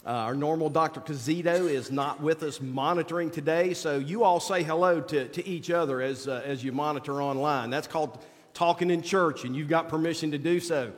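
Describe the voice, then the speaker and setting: A man leading a church service as pastor, speaking at a pulpit microphone, with halting speech full of repeats and fillers. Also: on the high side. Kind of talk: welcome and opening prayer. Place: church sanctuary. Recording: long church-hall reverb.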